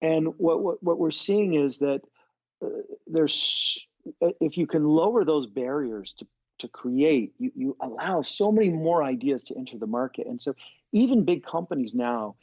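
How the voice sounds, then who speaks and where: An American business school professor thinks aloud in a casual podcast interview, restarting often and using many fillers. His voice is fairly high, animated and darkish with a breathy edge, at normal speed. The recording is muffled with no echo.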